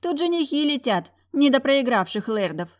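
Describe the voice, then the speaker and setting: A woman voicing a spiteful, haughty young noblewoman in a storybook, with a shrill, sneering voice. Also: lively intonation, normal speed, close to an everyday voice.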